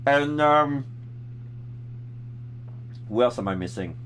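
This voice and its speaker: A man's voice: medium pitch, lively intonation, slow, fairly bright tone, a little hiss or hum. A man giving casual, hesitant video game commentary, often groping for words as he explains characters. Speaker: game streamer.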